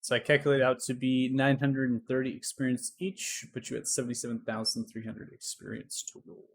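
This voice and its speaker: A man's voice: medium pitch, little pitch movement, a little fast. A man running a tabletop role-playing game as game master, narrating and talking to the players. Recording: faint background noise.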